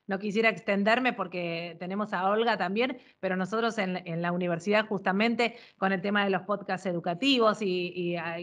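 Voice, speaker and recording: A woman's voice: medium pitch, a bit bright. Woman moderating a video-call panel.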